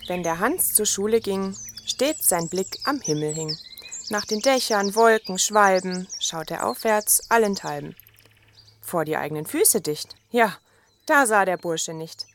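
Lady reading rhyming kids story, medium pitch, bit of noise behind. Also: animated, a little slow. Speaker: narrator. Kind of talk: rhymed children's story recital.

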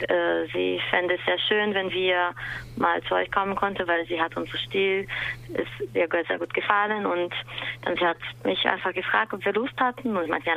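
A woman in her twenties with a Brazilian accent, answering a live interview as a dance teacher in halting German and laughing often. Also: medium pitch, vocal fry, fairly bright tone, muffled recording. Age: 20s. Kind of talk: live interview over a call.

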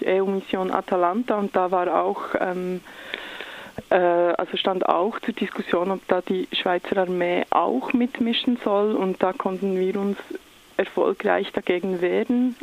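A Swiss woman with a Swiss German accent and a creaky, medium-pitched voice speaks as an activist spokesperson in a radio interview. She is somewhat hesitant, searching for words, and the recording quality is low.

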